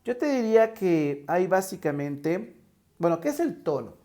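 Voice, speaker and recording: A Mexican man with a tenor voice teaching an online lesson, acting out pitch examples as he goes. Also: sing-song, a little slow, dark tone. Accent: Mexican Spanish. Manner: demonstrative, shifts pitch to show examples. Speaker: teacher trainer.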